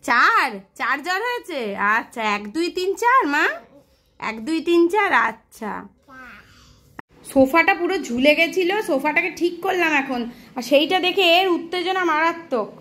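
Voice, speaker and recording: High-voiced woman coaxing her toddler. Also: animated, normal speed, long pauses, fairly bright tone. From West Bengal, India. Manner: coaxing, sing-song talk to her toddler. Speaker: vlogger and mother. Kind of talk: casual home vlog. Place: at home.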